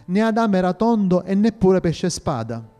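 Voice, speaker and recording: A man voicing a calm, commanding medieval emperor in a measured, regal tone. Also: high-pitched. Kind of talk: audio drama reading. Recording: reverberant hall with faint music.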